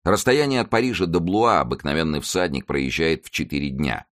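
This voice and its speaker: A man narrating a classic adventure novel as an audiobook, measured and expressive. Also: rumbling low.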